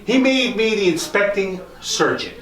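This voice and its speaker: In an echoey room, a man acts out a genteel country doctor from the 1800s, pitched on the high side for a man. He delivers a folksy, theatrical monologue straight to his listeners, his voice swinging widely in pitch. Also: animated, unhurried, a bit bright. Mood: reminiscing. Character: genteel 19th-century country doctor, proud, reminiscing, later grieving. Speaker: costumed tour performer. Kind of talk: in-character historical monologue to a live group. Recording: echoey room, live performance.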